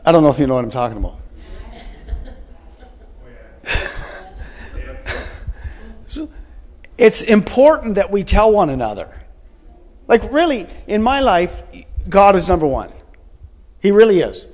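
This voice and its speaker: A man in his forties gives an earnest sermon with a fairly high voice. He circles back on his points and keeps putting questions to the listeners. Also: wildly swooping pitch, unhurried, pauses often, darkish tone. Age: 40s. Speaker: pastor.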